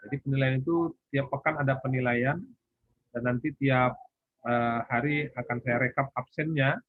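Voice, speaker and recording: A man's voice: medium pitch, fairly even intonation, normal speed, no room sound. A man giving a recorded online lecture, asking questions and answering them himself as he sets assignments. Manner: asks and answers his own questions. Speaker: university lecturer. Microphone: recorded for a YouTube class. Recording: tinny phone-like sound, husky.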